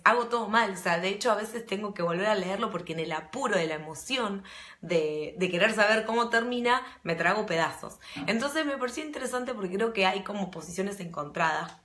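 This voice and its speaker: A woman with a Rioplatense Argentine accent chats casually with her viewers, hopping between thoughts with fillers and restarts. Her voice is bright and forward. The phone or laptop mic picks up a roomy echo around her. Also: medium pitch. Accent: Rioplatense Argentine Spanish. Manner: chatty and rambling, full of fillers and restarts. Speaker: book vlogger. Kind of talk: casual live-stream chat.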